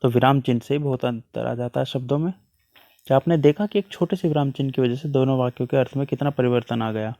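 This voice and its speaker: A man's voice: mid-range voice, quick pace, mellow, no room sound. A man teaching a worksheet lesson to children, patiently explaining with repeated examples.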